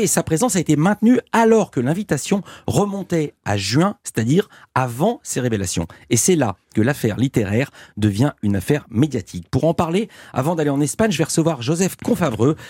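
A man hosting a radio media show from the studio, brisk and lightly self-mocking as he introduces guests. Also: medium pitch, big pitch swings, warm tone, slightly rough, no room sound. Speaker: radio host.

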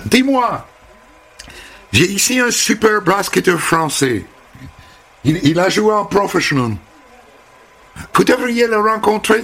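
A woman's voice: medium pitch, fairly bright tone, slightly rough, voice pushed up, exaggerated voice. A man voicing a bubbly, chatty young American hairdresser woman who gushes and stammers slightly. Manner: gushing, effusive, stammers slightly.

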